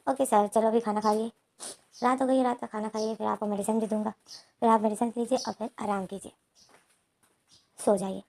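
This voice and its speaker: A devoted male assistant, played by a woman narrator coaxes in polite, soothing phrases and holds firm. The voice is fairly high and mellow. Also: little pitch movement, a little fast, creaky, long pauses. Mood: coaxing. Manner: coaxing, polite, turning insistent.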